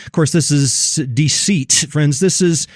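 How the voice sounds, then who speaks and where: A man with a higher-pitched voice hosts a religious discussion at a measured pace, in a dry, clean studio recording. He gives opinionated commentary with a preacherly emphasis on key words.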